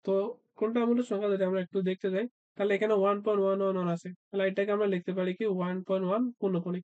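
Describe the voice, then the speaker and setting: A man's voice: high-pitched, flat delivery, rapid-fire, no room sound, narrow, tinny audio. A man teaching an exam-prep math lesson, asking himself questions and answering them, with frequent "uh" fillers. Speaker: math tutor.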